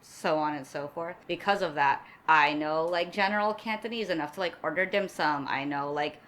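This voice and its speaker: Animated low-voiced woman from New York. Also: normal speed. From New York City. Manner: animated, acts out quotes in a high voice, laughs often. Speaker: guest. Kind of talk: casual chat.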